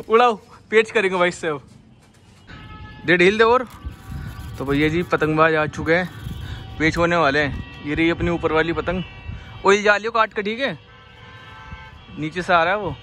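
Young male vlogger, high bright voice, unhurried, excitable, laughing, phone mic outdoors. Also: faint music behind. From India. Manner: excitable, laughing, urging a friend on. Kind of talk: casual vlog commentary. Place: rooftop outdoors in a city. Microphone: phone camera held by the speaker.

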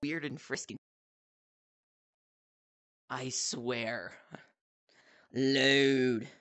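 A young woman streaming a game, chatting casually, shouting and half-singing as she plays. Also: very deep voice, extremely slow, dry recording. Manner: excitable, shouts and half-sings while playing. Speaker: gaming streamer. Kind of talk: casual gameplay commentary.

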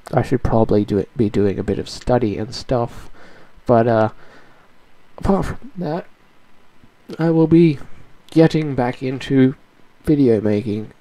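A young Australian man chatting casually to camera, rambling and poking fun at himself. His voice is mellow and relaxed. The desk mic sounds close and dry. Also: medium pitch, dry recording, rough recording. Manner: rambling, self-mocking. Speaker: vlogger. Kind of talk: casual chat.

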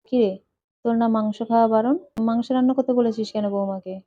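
A woman's voice: on the high side, fairly even intonation, fast talker, warm tone, highs cut off, lightly acted. A woman voicing an elderly mother-in-law who scolds her sister about her diet. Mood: scolding.

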